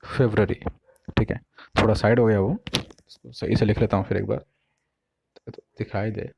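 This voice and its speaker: A man with an Indian accent teaching English pronunciation in a casual classroom style, mixing Hindi and English, asking "ठीक है?" and sounding words out slowly by syllable. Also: fairly low pitch, level tone, creaky, a little mellow, breathy edge, no room sound, rough recording.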